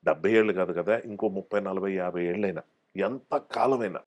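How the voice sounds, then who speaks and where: A man speaking, an actor talking as an interview guest. He tells his stories with life, dropping his voice low and then jumping up high whenever he acts out what someone else said. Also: fairly quick, dull audio. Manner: animated storyteller acting out quoted voices. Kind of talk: casual storytelling interview.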